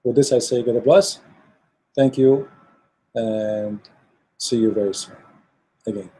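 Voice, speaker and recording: A hoarse man whose voice is going talks slowly in a dark, husky, mid-range tone over poor audio. He's an online religious debater delivering closing remarks straight to his viewers. His earnest delivery repeats itself and is packed with fillers and restarts.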